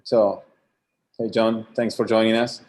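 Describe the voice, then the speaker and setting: A man's voice: fairly low pitch, flat delivery, measured pace, darkish tone. A man running an online student review, casually thanking people and moving to the next presenter. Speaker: studio advisor. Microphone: video call.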